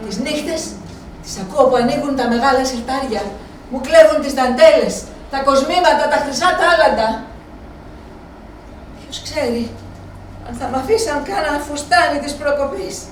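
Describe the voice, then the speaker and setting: A woman's voice: high-pitched, pauses often, a little hiss or hum, close to an everyday voice. An actress performing a live stage monologue as an aging Helen, a faded proud woman alone, brooding, weary and bitter. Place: small theatre space. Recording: echoey room from far off.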